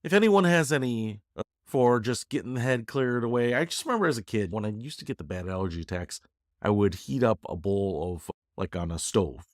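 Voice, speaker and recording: Male YouTuber, low pitch, stuffed up with a cold, casual and self-deprecating, recorded close and dry. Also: animated, fairly quick, no room sound. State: congested from a head cold. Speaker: YouTuber giving a channel update. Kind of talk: casual rambling chat to viewers.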